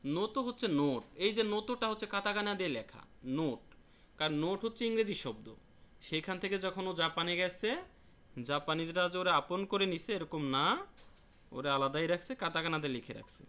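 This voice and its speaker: A male teacher in a casual lesson goes through word lists one by one. He repeats each term slowly and patiently and sometimes restarts a sentence. His voice is bright and sits a little high. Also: expressive. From Bangladesh. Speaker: Japanese language teacher. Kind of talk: classroom lesson explaining vocabulary.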